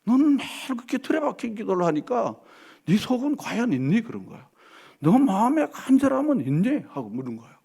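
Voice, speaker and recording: A middle-aged male pastor preaching a Sunday sermon in a church, swinging from animated delivery to soft asides and acted quotes. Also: extremely high pitch, fairly quick, gravelly, breathy edge. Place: church sanctuary.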